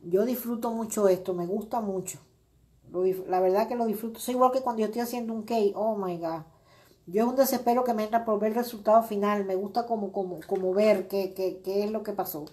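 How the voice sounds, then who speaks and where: A middle-aged woman with a mid-range, dark-toned voice talks fairly quickly while hosting a crafting video. In this casual livestream chat she rambles with lots of fillers and greets viewers by name.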